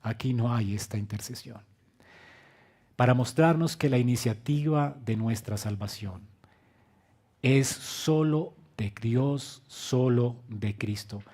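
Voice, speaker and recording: A man preaching a sermon as pastor, swinging between quiet low phrases and loud emphatic bursts, and asking the congregation direct questions. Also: takes it slowly. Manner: acts out quoted lines with direct questions to the congregation.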